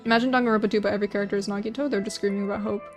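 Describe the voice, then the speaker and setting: A woman's voice: medium pitch, fairly even intonation, racing, faint music behind. A young woman streaming while she draws, chatting casually with viewers in a rambling, self-deprecating way, full of restarts. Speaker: art streamer. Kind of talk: casual livestream chat while drawing.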